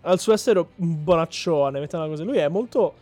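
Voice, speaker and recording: Chatty higher-pitched man podcaster. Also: animated, a little fast, a little mellow, soft background music. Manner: chatty, self-correcting, laughs often. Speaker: podcast co-host. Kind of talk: casual chat.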